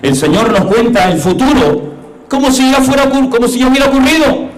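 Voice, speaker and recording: High-voiced fervent male pastor preaching. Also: fairly quick, reverberant, rough recording. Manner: fervent preaching, swings from hushed to exclaiming. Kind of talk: sermon. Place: church.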